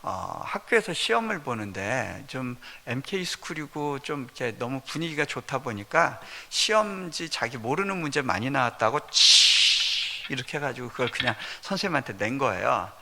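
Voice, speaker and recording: A man's voice: mid-range voice, lively intonation, moderate pace, gravelly, noisy background. A man, a missionary preacher, telling personal stories in a conversational sermon, often chuckling between points. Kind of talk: storytelling sermon at a revival meeting. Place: church sanctuary. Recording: long reverb of a church hall.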